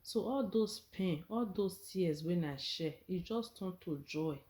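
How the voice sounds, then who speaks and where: A woman's voice: fairly low pitch, a little slow, mellow. A woman with a Nigerian accent chatting in Nigerian Pidgin as a vlogger, earnest and encouraging, often checking that listeners understand. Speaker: vlogger sharing her experience. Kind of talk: casual personal vlog in Nigerian Pidgin.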